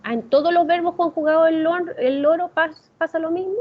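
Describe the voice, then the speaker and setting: A woman's voice: very high voice, steady tone, brisk, phone-quality sound. A woman student in an online class, politely asking the teacher to repeat and clarify. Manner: polite, asks for repetition.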